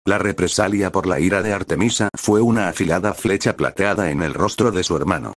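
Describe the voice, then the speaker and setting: A man reading a fan story aloud in steady, even narration. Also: sits low, a little fast. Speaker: fan fiction reader.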